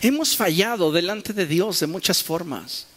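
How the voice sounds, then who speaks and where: A man's voice: sits high, expressive, measured pace, fairly bright tone, slight background noise. A man preaching a sermon, pressing his listeners with rhetorical questions and acting out little dialogues. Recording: long hall reverb.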